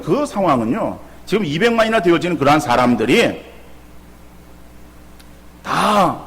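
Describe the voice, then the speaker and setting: A middle-aged man pastor preaching a sermon with lively rhetorical questions. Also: fairly high pitch, breathy edge, long reverb tail. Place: church sanctuary.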